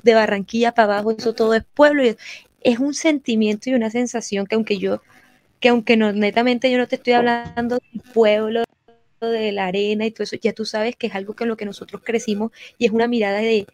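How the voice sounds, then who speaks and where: Woman, Colombian Caribbean Spanish accent, earnest and emphatic, narrow pitch range, dry close sound, conversational. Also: steady tone, brisk, darkish tone, no room sound, soft background music. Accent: Colombian Caribbean (costeño). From Caribbean coast of Colombia. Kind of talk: conversational interview talk.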